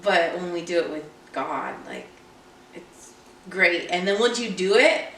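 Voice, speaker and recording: A woman with a creaky voice, co-hosting a casual and personal conversation. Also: on the low side, lively intonation, unhurried, fairly bright tone. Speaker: podcast co-host posing questions. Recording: echoey room, distant mic, faint noise.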